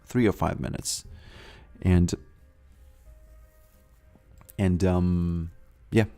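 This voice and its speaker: A man from Latvia, streaming a game and chatting casually in a halting way, repeating words and filling pauses. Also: low voice, steady tone, creaky, mellow, faint music behind. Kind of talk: casual live-stream chat.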